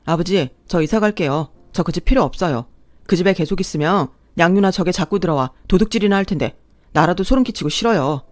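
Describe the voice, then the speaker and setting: A performer voicing a young husband who speaks low and firmly, sick of his family, in a radio drama. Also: animated, a little fast, no echo. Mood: disgusted. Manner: low, firm, disgusted.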